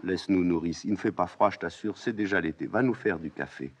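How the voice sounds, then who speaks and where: A man reading a play aloud, voicing a grave, stubborn young princess in a soft, low voice. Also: a little fast. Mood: tender. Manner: soft, hushed, subdued.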